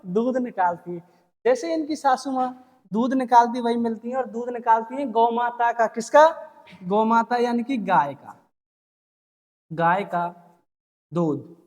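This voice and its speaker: A teacher tells a story as a lesson, constantly asking the class quick questions and answering them. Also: medium pitch, a little mellow, big-room sound.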